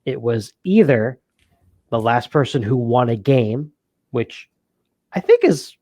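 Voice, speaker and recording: A man's voice: mid-range voice, very animated, takes it slowly, warm tone, no room sound. A man co-hosting a casual board game podcast, rambling with many fillers and frequent laughs. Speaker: podcast co-host. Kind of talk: casual chat.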